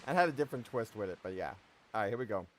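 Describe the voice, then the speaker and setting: Live-streaming a shooter game, a man chats casually with his viewers while he plays, talking to chat throughout. His lowish voice is expressive, and he races through his words.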